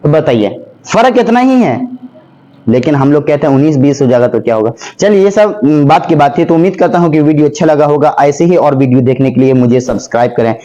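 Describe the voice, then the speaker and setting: A man's voice: a little high, animated, warm tone. A man teaching grammar for an exam. He asks questions and answers them himself, repeating key words with emphasis. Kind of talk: classroom-style exam lesson. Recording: slightly dull lo-fi recording.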